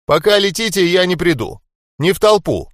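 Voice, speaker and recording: Brash jeering bruiser, put on by a male audiobook reader, pitched up, bouncy delivery. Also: expressive, normal speed, no room sound, clean studio sound. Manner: loud, jeering, laughing taunts. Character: brash cocky swearing male fighter, mocking. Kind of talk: audiobook character voice.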